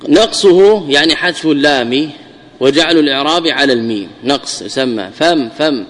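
A man's voice: a little high, normal speed, a bit bright. Man teaching grammar in a reverberant hall. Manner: repeats key words, asks and answers his own questions. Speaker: Islamic scholar teaching Arabic grammar. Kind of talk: classical grammar lesson.

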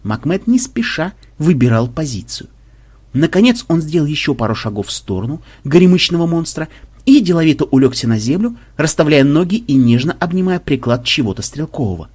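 A man narrating a story aloud in a lively, ironic audiobook style. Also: on the high side, fairly quick, breathy edge. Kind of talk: expressive audiobook reading.

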